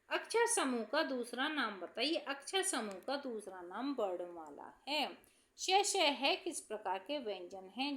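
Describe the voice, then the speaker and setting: Lively high-voiced woman reading exam answers. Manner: reads each question, then answers it slowly, listing examples. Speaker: teacher.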